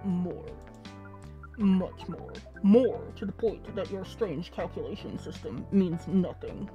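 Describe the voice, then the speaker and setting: A woman voicing a calm, formal alien visitor whose voice sounds muffled, as if inside a spacesuit helmet. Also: fairly low pitch, soft background music. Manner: formal, measured, speaks as "we". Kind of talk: voicing a game character on stream.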